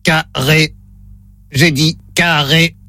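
A man on a radio prank call doing a half robot voice as a slow, flat telephone test robot, speaking in a drawn-out monotone. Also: on the high side, no room sound, pitched below the performer's own voice, full character voice. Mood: mechanical. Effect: half robot voice, mock machine speech.

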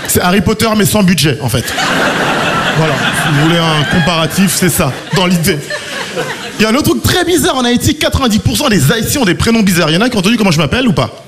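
A man's voice: sits high, very animated, fast, a crowd in the background. A man in his thirties from France, performing a self-mocking stand-up routine. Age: 30s. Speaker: stand-up comedian.

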